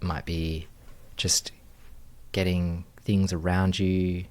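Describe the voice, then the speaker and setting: Speaking in a low voice with a level tone, a male teacher guides a meditation, his gentle short phrases separated by unhurried pauses.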